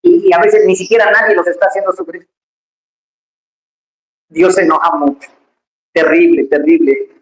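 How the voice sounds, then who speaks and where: A pastor preaching a lively, emphatic sermon, speaking straight to the congregation in a church. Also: mid-range voice, normal speed, long pauses. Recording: echoey church hall.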